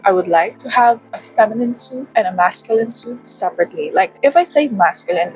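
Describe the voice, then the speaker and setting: A woman's voice: fairly low pitch, gravelly, poor audio. A young woman with a Filipino accent, chatting casually to camera in a self-deprecating way, still a little sleepy. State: sleepy, just woken. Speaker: vlogger.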